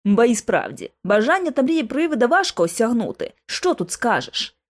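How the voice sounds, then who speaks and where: A woman narrating an audiobook in the first person, with expressive, dramatic delivery. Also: on the high side, normal speed. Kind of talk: scripted narration.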